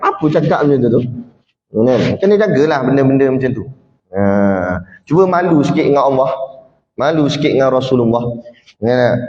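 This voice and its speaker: A man with a Malay accent giving a religious lecture in an animated way, acting out quoted speech and often tagging his points with "ha" and "kan". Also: mid-range voice. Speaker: preacher. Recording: echoey hall, dull lo-fi sound.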